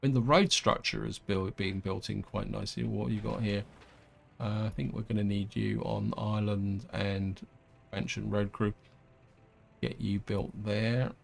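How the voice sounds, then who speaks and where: A man hosting a gameplay video, thinking aloud in a relaxed, rambling way with plenty of hedges. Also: on the low side, measured pace, gravelly. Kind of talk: casual let's-play commentary.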